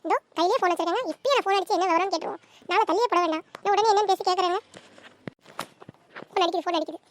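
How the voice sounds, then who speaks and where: A woman voicing a bossy, domineering middle-aged mother in a cartoon, who talks quickly and scolds. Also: very high voice, slight background noise, voice pushed down. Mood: eager.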